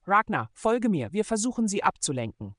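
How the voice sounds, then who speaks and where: A man's voice: fairly high pitch, lively intonation, a little slow, a bit bright, no echo, studio quality. A male reader voicing a terse male leader of riders in an audiobook, giving short, urgent commands. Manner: curt, commanding.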